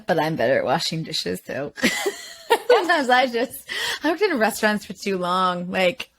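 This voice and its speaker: A woman hosts a podcast and talks in a candid, chatty way, with frequent laughter. Her voice sits at a middle pitch and stays relaxed and conversational. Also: moderate pace. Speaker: podcast host.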